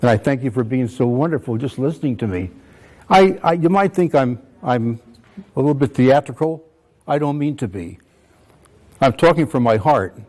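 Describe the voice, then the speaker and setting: A man's voice: mid-range voice, lively intonation, normal speed, darkish tone. Man in his eighties, a veteran addressing a school, passionate and pleading, hammers points home by repetition. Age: 80s. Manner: impassioned, pleading, repeats phrases for emphasis. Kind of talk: emotional talk to students.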